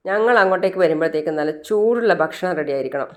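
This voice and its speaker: A woman's voice: fairly low pitch, animated, quick pace, darkish tone, close to an everyday voice. A woman voicing a stern, bossy middle-aged mother who scolds in her own voice. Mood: scolding.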